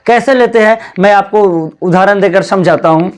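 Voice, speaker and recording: A man with a fairly high voice teaches a grammar lesson at a board in a classroom. He keeps repeating the key points and asks the class questions that he answers himself. He often calls his viewers "brother". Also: normal speed, a little hiss or hum. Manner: addresses viewers as "bhai" (brother).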